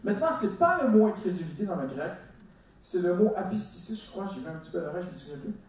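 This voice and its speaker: A male preacher with a high, lively voice delivers an animated sermon, acting out each quote with big swings. He speaks from some distance from the mic, and his voice rings through a very echoey church hall. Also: fast talker. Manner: addresses congregation directly.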